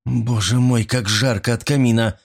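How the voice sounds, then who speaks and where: A man voicing a cold, scheming young woman who speaks in a deliberate, icy way, in a storybook reading. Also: mid-range voice, fairly even intonation, creaky. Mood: icy, calculating.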